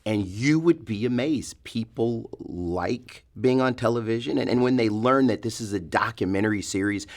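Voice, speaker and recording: A man's voice: lowish voice, normal speed, few pauses. A man answering interview questions as a fire department spokesman, explaining conversationally with frequent asides.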